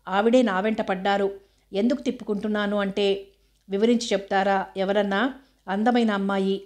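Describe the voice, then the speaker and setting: A woman reading the part of a calm, mocking man who needles his rival and lectures him. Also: mid-range voice, natural voice. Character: smug, mocking adult man, cool under pressure.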